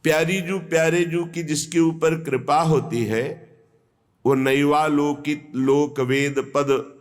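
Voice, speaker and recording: A man giving a devotional discourse as a spiritual teacher, speaking in a measured, reverent way. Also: fairly high pitch, steady tone. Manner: slow, measured, reverent delivery.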